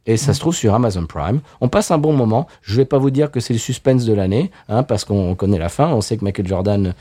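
A man's voice: on the low side, expressive, brisk, mellow, breathy edge. A middle-aged French man co-hosting a podcast, telling a story in casual chat with many restarts and fillers. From France. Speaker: podcast co-host.

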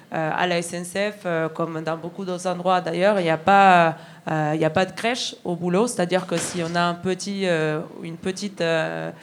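Earnest hesitant woman, low voice. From Argentina. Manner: many fillers and restarts, earnest. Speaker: railway worker. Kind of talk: hesitant spoken testimony.

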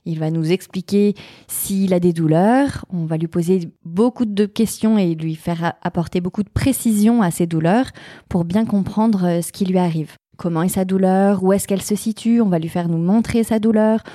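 A woman's voice: fairly low pitch, moderate pace, warm tone, no echo, studio quality. A woman chiropractor answering interview questions, explaining step by step and listing things methodically. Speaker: chiropractor guest.

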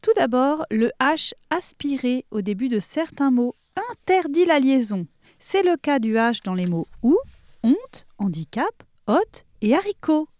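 A woman's voice: high-pitched, sing-song, unhurried, a little mellow, no echo. A young woman giving a comic pronunciation lesson in a playful, teasing way, often laughing. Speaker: comic language teacher.

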